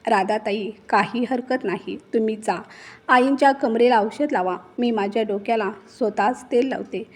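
A woman's voice: fairly high pitch, normal speed, lightly acted. A woman voicing a weary young daughter-in-law who speaks politely and holds back in a storybook reading. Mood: hurt. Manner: polite, restrained.

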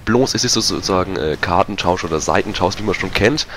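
A man giving casual, self-mocking commentary over a multiplayer match, his voice going hoarse. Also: low-pitched, a little fast, fairly bright tone, slight background noise. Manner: chatty, self-mocking, many fillers. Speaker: gaming YouTuber. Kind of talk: casual let's-play commentary.

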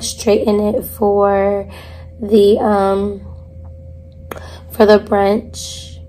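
A woman in her twenties chatting casually to her vlog, her voice hoarse with a smoker's rasp as if half lost. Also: fairly high pitch, darkish tone. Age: 20s. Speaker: vlogger. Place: hotel-like bedroom, indoors. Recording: noticeable background hum and noise.

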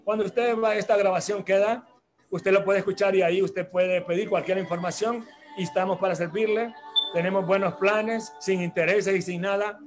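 Church program host, male, high voice, halting and repetitive delivery, soft music bed. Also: steady tone. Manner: rambling, hesitant, with many restarts and tag questions. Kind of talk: announcements and church talk.

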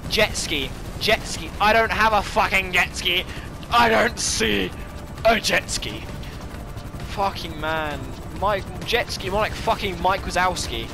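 A man gaming and raging loudly, swearing and shouting at the game. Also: sits high, takes it slowly, creaky, background noise. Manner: loud, shouty, swears constantly. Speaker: gamer. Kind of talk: raging gameplay commentary. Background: music and game sounds.

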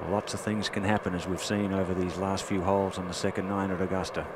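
Male, golf commentator, lowish voice, live TV play calling, loud outdoor background noise. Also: flat delivery, fast.

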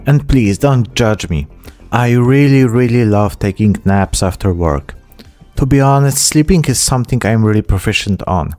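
A man in his thirties narrates a casual, self-deprecating tutorial for his miniature painting channel, with soft music in the background. His mid-range voice is expressive and a little mellow at a normal speed, recorded in a small room on a close desk mic with a pop filter.

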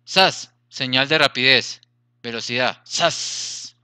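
A man's voice: medium pitch, measured pace, bright, forceful tone, smooth, dry recording, studio quality. A man teaching a grammar lesson, explaining patiently, repeating points and checking that students follow.

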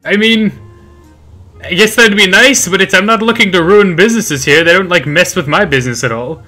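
A man acts out a self-interested tabletop-game shopkeeper with a raised, bright voice. He haggles and dodges as he bargains, with music playing behind him. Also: sits high, fairly quick, pitched above the performer's own voice. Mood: defensive. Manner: haggling, evasive.

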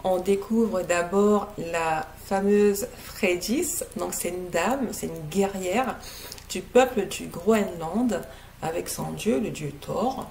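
A woman's voice: lowish voice, slow, gravelly, darkish tone, a little hiss or hum. A woman from French Guiana reviewing a novel to her webcam at home, hesitant and full of filler sounds. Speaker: book reviewer. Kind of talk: casual book review to camera. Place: living room at home, indoors. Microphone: laptop webcam, seated close.

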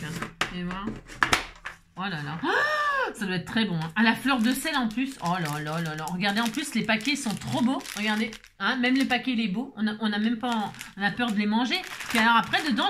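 A woman's voice: on the high side, noisy background. Chatty, playful woman crafter. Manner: chatty, playful, exclamatory, talks to herself. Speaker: papercraft vlogger. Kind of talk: casual chat while opening mail.

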